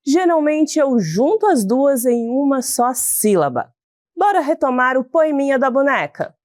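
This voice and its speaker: A woman teacher with a Brazilian accent, slowly and warmly leading a recorded lesson for children, reading a poem aloud and explaining verses and syllables in a sing-song, encouraging way. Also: on the high side, dry recording, studio quality. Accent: Brazilian Portuguese. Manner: slow, sing-song and encouraging, calls the pupils "bonitos".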